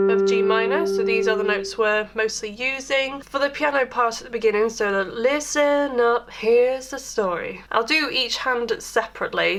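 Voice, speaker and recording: A woman, nasal and a bit congested from being ill, leads a piano tutorial. Her voice sits fairly high, and she speaks slowly and patiently as she names each note. Loud piano music plays under her talk. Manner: slow, calm note-by-note calling out. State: nasal from a cold. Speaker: piano teacher. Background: piano playing.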